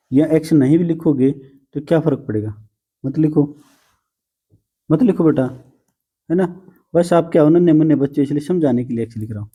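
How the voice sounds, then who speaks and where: Patient Hindi math teacher, dark husky voice. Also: male voice, mid-range voice. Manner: patient, calls students "beta", teasing. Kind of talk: blackboard math lesson.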